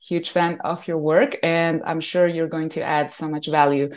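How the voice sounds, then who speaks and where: A woman hosting a podcast interview with an energetic, enthusiastic manner. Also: low-pitched, normal speed. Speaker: podcast host.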